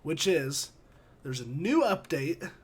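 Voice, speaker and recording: A man's voice: on the high side, very animated, slow pace, slightly rough. A man co-hosting a podcast, casually ranting and teasing his co-hosts. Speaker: podcast co-host.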